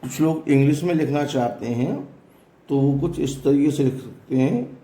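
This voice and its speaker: A man's voice: medium pitch, normal speed, mellow. Echoey math teacher, a man. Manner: explains step by step with repeated questions to students. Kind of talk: classroom math lesson.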